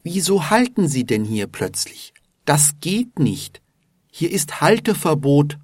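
Male narrator doing a sharp-tongued woman examiner, pitched up, husky edge, scolding in short bursts. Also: big pitch swings, slow pace, no echo, clean studio sound, full character voice. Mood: irritated scolding. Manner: snapping, scolding. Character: stern female driving examiner, quick to anger.

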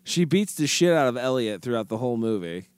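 A man hosting a casual movie-chat podcast, playful and quick to laugh. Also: medium pitch, sing-song, smooth, no room sound. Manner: playful, quick to laugh, mock sports-commentary. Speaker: podcast host.

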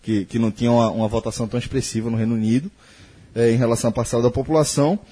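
Male host, husky, mid-pitched; talky explainer with tag questions in casual chat. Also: steady tone, racing, mellow. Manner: explains the topic at length, tagging lines with questions. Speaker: podcast host. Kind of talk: casual podcast discussion.

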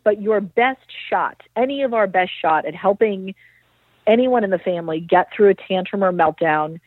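A woman's voice: mid-range voice, moderate pace, dry recording. A woman who is a social worker, a guest in a conversational interview, talking candidly with self-deprecating examples. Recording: tinny phone-line sound.

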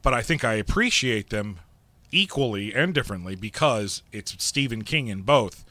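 Male podcast host, bright and lively, unhurried and reflective, dry close-mic sound. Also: on the low side, dry recording. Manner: reflective, unhurried, self-deprecating. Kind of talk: casual podcast chat.

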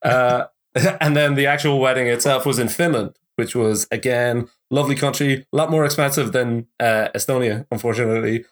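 Man, relaxed podcast co-host who laughs his way through stories. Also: medium pitch, brisk. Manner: laughing, easygoing storyteller. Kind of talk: casual chat.

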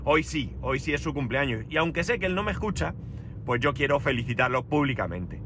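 A man's voice: medium pitch, animated, fairly quick, noisy background. A middle-aged man from Spain with a Spanish accent and a head cold, giving a casual, wry, grumbling personal monologue as a podcast host. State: has a head cold with runny nose.

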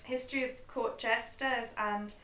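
A woman's voice: on the high side, steady tone, a little slow, bright, forceful tone. A woman co-hosting a podcast who chats candidly, swears freely and reads narration between conversations. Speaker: podcast co-host. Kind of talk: casual chat and scripted narration. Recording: roomy echo.

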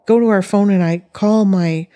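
A middle-aged woman from northern Arizona, a guest recounting a personal experience in an earnest, halting way with frequent restarts. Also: medium pitch, fairly even intonation, dark tone. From northern Arizona, USA.

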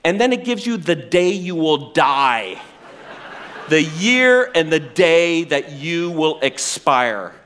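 A middle-aged male pastor preaching a sermon with animated, self-deprecating humor. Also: fairly high pitch, slow pace, a little hiss or hum.

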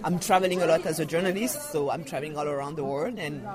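A woman from Cameroon answering interview questions in a halting way, with many fillers. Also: low-pitched, over music, crowd noise. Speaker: summer school student.

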